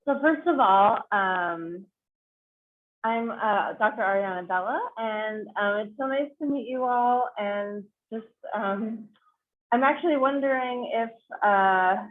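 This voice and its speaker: A woman's voice: fairly high pitch, slow. A woman leading an online choir sectional, chatty and full of fillers and restarts. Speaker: choir clinician. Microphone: video call. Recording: tinny video call audio, faint noise.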